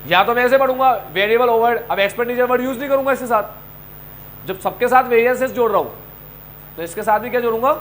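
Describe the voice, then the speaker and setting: A middle-aged man with an Indian accent teaching a coaching class, animated, scolding and joking with his students. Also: very high voice, fast talker, slight background noise, low-quality recording. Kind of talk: classroom lecture.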